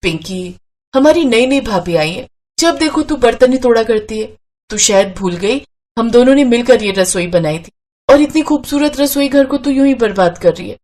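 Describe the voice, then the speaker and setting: A sweet-seeming but sly young twin sister in a cartoon story, as a woman puts her on. Her voice runs a little high, soft and teasing. She is gentle on the surface with a crafty streak. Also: expressive, normal speed. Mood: scolding.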